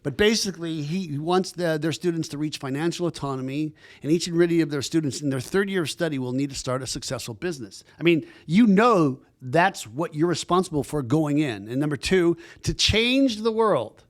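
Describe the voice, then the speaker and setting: A man's voice: on the high side, expressive, fairly quick, hardly any pauses. A man hosting a podcast, chatting casually and enthusiastically with lots of restarts as he introduces his guest. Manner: rambling and enthusiastic, many restarts. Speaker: podcast host.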